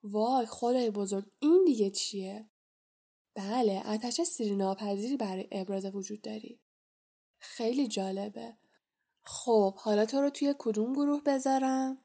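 A woman's voice: on the high side, mellow. A woman voicing a sly old talking hat. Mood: musing. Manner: musing, coaxing, thinks aloud. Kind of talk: audiobook character voice.

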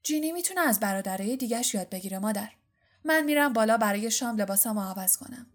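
A woman's voice: fairly high pitch, sing-song, darkish tone. Woman reading a haughty, pompous teenage boy. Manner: haughty and formal.

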